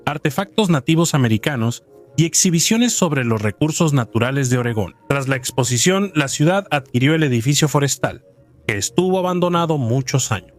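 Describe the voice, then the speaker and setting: A man giving scripted documentary narration in a measured, even storytelling delivery, recorded close as a voice-over. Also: mid-range voice.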